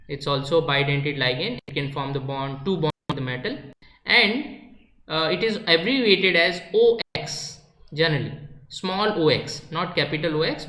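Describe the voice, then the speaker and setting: A chemistry teacher delivers a classroom lecture, explaining step by step, repeating key points, and slipping into Hindi now and then. Her voice is low and a bit bright, recorded in an echoey room.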